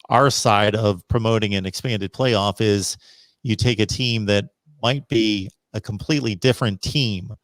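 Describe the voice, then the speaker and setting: A man's voice: fairly low pitch, no echo. A man hosting a call-in sports show in a casual, conversational style.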